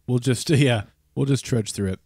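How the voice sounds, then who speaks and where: A man's voice: medium pitch, moderate pace, darkish tone, slightly rough, no echo, clean studio sound. A man in his thirties with a nasal, stuffy voice from a head cold, hosting a casual podcast chat and rambling with frequent restarts. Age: 30s. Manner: rambling, self-correcting, chuckles often. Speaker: podcast host.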